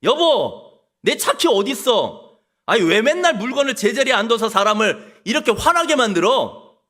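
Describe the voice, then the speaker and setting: A man's voice: very high voice, sing-song, moderate pace, a bit bright, voice pushed up, heavily acted. A preacher acting out a husband who complains and blames his wife over lost car keys. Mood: grumbling. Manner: complaining, blaming, raised voice.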